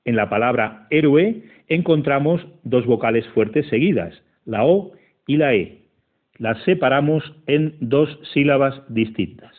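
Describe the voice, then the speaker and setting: A man narrates a scripted grammar lesson at an unhurried, methodical pace and counts syllables out one by one. His voice sits at an ordinary middle pitch. The audio is narrow and tinny, like a voice heard over a phone line. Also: lively intonation. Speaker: teacher.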